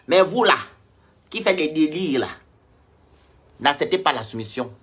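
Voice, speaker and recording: A man's voice: fairly high pitch, fairly bright tone, slightly rough. A man delivering a blunt, preachy rant in a social-media vlog, lecturing his viewers directly. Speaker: online commentator.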